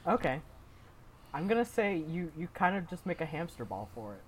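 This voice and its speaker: A playful woman runs a tabletop game, her low voice swinging widely as she rules on the players' moves. She laughs easily, and a faint hum of room ambience sits behind her. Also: very animated, moderate pace. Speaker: game master.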